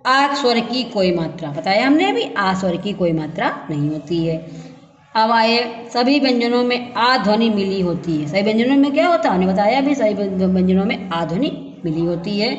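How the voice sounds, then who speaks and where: A woman's voice: mid-range voice, lively intonation, normal speed. A woman teacher walks through a grammar lesson, posing questions and answering them herself as she sounds out syllables one by one. Her voice carries a long, roomy echo, and the recording is dull and muffled. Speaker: school teacher. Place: classroom or room at a school. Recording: dull echoey room recording.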